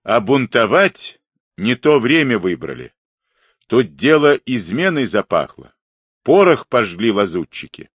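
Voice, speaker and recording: A man's voice: medium pitch, big pitch swings, measured pace, slightly rough, no echo. A man voicing a stern young Cossack who admonishes firmly. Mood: admonishing. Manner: firm, admonishing.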